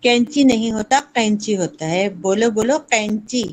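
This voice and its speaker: A woman's voice: on the high side, darkish tone, a little hiss or hum, lightly acted, poor audio. A woman voicing a fussy aunt in a children's story, stern and exacting as she keeps correcting a girl's pronunciation. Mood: scolding. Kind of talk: reading a children's story aloud.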